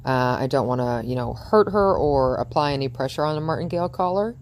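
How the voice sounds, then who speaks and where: A woman's voice: a bass voice, animated, fairly quick, a little mellow, slight background noise. A woman dog trainer chatting through a training session outdoors in front of a house, cooing praise at the dog and laughing often.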